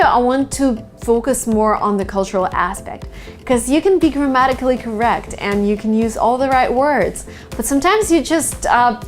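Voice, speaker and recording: A woman in her late twenties, born in Russia and speaking English as a second language, hosts a casual lesson. She talks in a slightly high voice, telling little stories with plenty of fillers. Faint music plays behind her. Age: 20s. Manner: chatty, storytelling with many uh fillers. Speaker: English teacher.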